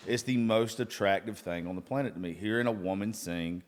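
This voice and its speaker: A man's voice: fairly low pitch, brisk. A hungover man in his thirties hosting a casual podcast chat, rambling, gushing and swearing freely. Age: 30s. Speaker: podcast host. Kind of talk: casual chat, profanity-laden. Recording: reverberant room.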